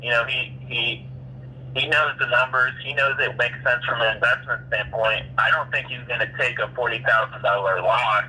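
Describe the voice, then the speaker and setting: A man with a very bright, forceful, mid-pitched voice talks through business on a call like a real estate agent. He feels his way into sentences, repeating words. There is a noticeable hum and noise in the recording. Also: fairly even intonation, normal speed, rough recording. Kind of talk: business phone conversation.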